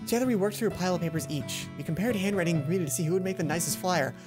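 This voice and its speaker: Speaking quickly in a lowish voice, a young adult woman reads visual novel text aloud as a let's play host. She is at a computer in an indoor room with a headset on, and the clip carries background game music.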